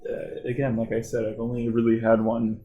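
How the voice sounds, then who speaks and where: A man co-hosting a casual podcast, talking in a halting way and often starting his sentences over. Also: medium pitch, completely flat delivery, phone-quality sound, faint music behind. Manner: hesitant, halting, full of restarts. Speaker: podcast co-host. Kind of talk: casual chat.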